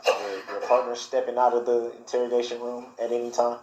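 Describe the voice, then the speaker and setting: A man questioning a witness in a courtroom cross examination, speaking formally and haltingly. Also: medium pitch, little pitch movement, muffled recording. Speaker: defendant questioning a witness as his own lawyer. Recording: echoey courtroom with faint noise.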